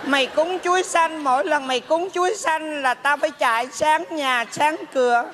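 An actor in a stage comedy sketch, putting on the voice of a scolding old mother's ghost in a Southern Vietnamese accent, with a slow, drawn-out delivery. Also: very high-pitched, fairly bright tone, voice pushed up.

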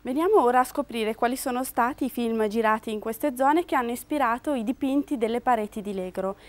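A young woman with a higher voice presents outdoors and speaks into a lapel mic. She gives clear scripted introductions and asks questions over faint music. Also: brisk, no room sound. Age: young adult. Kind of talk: presenting and interviewing. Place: outdoors on a balcony.

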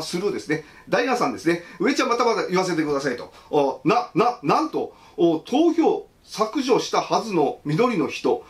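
Animated, high-voiced male stream host. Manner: chatty, laughs often, comments on each message aloud. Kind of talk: casual livestream commentary reading viewer comments.

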